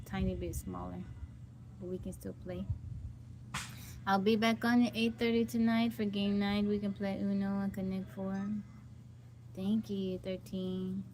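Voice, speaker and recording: Chatting casually with her livestream viewers, an American host greets them by name and talks about being hungry and jittery. She speaks at a medium pitch, with a little hiss or hum in the audio.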